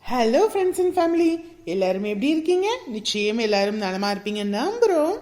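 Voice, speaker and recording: A woman's voice: fairly high pitch, very animated, normal speed, darkish tone, in a large hall, soft background music. A woman who hosts a comedy channel, greeting her viewers in a casual, cheerful way.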